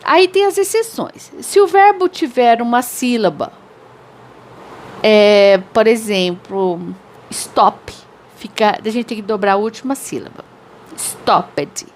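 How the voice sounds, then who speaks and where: A woman English teacher whose first language is Portuguese, giving a recorded grammar lesson and explaining slowly with repeated examples. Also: on the high side, animated, a little hiss or hum.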